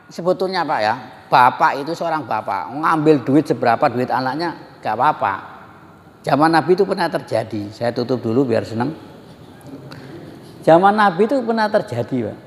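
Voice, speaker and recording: A man teaching a religious study class in a lively, joking way, often turning to address his listeners directly. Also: on the high side, a little hiss or hum. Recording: long hall reverb.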